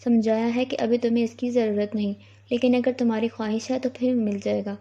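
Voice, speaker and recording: A woman's voice: fairly high pitch, flat delivery. A woman reading the lines of an affectionate young man who dotes on his little sister, on a dull lo-fi recording. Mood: gentle. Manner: gentle, affectionate. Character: affectionate young man, doting older brother.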